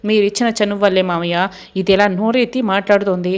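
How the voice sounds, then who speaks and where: A woman's voice: medium pitch, steady tone, clear, resonant tone, lightly acted. Woman voicing a sneering scheming wife. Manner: taunting, quick retorts. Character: scheming haughty young wife, sharp-tongued. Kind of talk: quoted dialogue in a serial recap.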